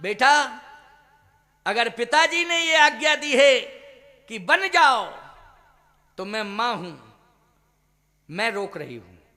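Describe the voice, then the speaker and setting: A man's voice: high voice, sing-song, takes it slowly, vocal fry, long pauses, bright, forceful tone, big-room sound, exaggerated voice. A male preacher voicing a loving, affectionate queen mother in devotional storytelling, pleading and tender.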